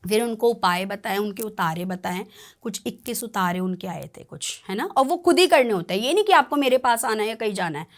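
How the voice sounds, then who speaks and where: A woman, a tarot reader and spiritual practitioner, telling a client's story on a podcast in an earnest, animated way, often checking that the listener follows. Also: mid-range voice, brisk.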